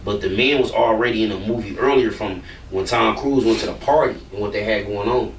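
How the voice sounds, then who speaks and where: A man's voice: lowish voice, fairly quick, reverberant, far from the mic, slight background noise. A man, a rapper, talking casually and bluntly in an interview, rambling and swearing freely.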